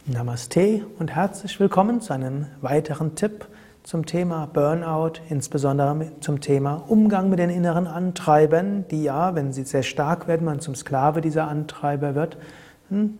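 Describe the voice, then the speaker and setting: Soft-toned man giving calm advice. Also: on the high side. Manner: calm, measured, repeats key phrases. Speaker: host giving self-help tips. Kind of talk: spoken advice talk.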